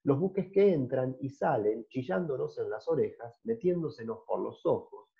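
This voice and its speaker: A man's voice: medium pitch, lively intonation, normal speed, gravelly, lo-fi sound. Exasperated weary office clerk, read by a man. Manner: protesting, pleading.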